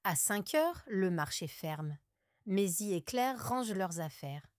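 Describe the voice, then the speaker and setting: A woman narrating a story for French learners in a calm, clear, deliberate way. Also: mid-range voice, dry recording, clean studio sound. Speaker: audiobook narrator.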